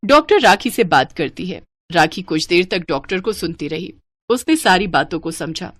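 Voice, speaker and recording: A woman narrating a moral cartoon story in an even, clear way. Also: fairly low pitch, normal speed, dry recording.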